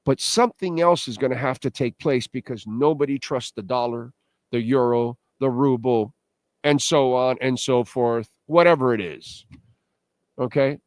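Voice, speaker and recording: A man's voice: mid-range voice, no echo, clean studio sound. A man hosting a crypto show in a casual, opinionated monologue, speaking emphatically with rhetorical questions, repetition and blunt, self-deprecating slang.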